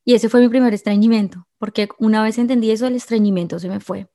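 A woman's voice: fairly high pitch, fairly even intonation, fast, warm tone. A woman telling her viewers a personal story in an emotional, confiding way, often restarting her sentences.

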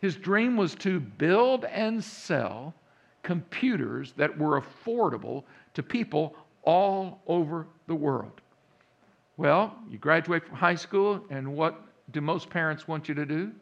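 A man's voice: a little high, expressive, slow, creaky, muffled recording. A man with a Texas accent, a pastor from Central Texas delivering a sermon in a folksy, storytelling way with rising emphasis.

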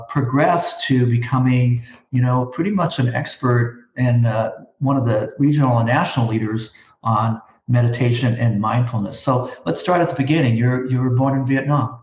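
A man hosting a school district interview show, speaking in a measured way with some hesitant fillers. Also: medium pitch, echoey room, lo-fi sound. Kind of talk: hosted interview.

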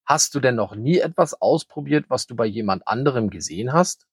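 A very old grey hare, calm, kind and wise, speaks gently in a children's story, as a man reads him. The voice is husky and dry, with a lively, rising and falling melody. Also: medium pitch, brisk, dry recording. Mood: gentle.

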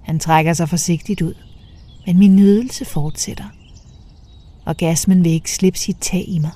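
A woman narrating a first-person story in a soft, half-whispered way. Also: fairly low pitch, fairly even intonation.

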